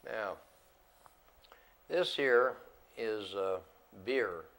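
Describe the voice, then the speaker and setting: A man teaching an English grammar lesson to a class, slow and deliberate, repeating words and switching between English and Spanish. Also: fairly low pitch, animated, fairly bright tone.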